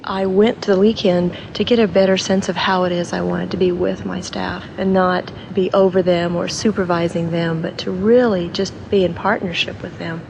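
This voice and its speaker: A woman's voice: on the low side, steady tone, moderate pace, gravelly, few pauses, lo-fi sound, noisy background. A woman from Wyoming reflecting emphatically on her course experience. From Wyoming, USA. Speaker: manager, course graduate. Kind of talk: testimonial interview.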